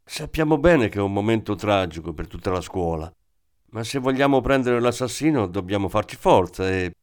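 Casting: man as a measured, pragmatic female inspector, plain audiobook read. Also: fairly low pitch, expressive, lightly acted. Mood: calm. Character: woman police inspector, calm and pragmatic. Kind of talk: audiobook reading.

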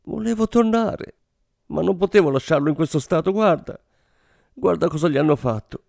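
A frightened young French woman, sobbing and pleading in a high, shrill voice, as a male narrator puts her on. Her words come out strained and tearful, and her tone is a little dark. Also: expressive, normal speed, vocal fry, no echo, clean studio sound. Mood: sobbing, panicked.

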